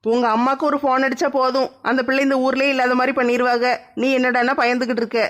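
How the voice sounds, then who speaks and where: A speaker in a comic family skit, reacting with quick, scandalized gossip. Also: high voice, flat delivery, a bit bright.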